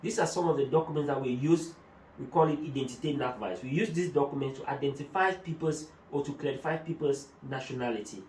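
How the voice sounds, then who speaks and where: This migration adviser has a mid-range, slightly mellow voice and talks fast, laying out procedures step by step and using German terms in a talk-show discussion. The audio carries some hiss or hum, room echo, and a distant mic.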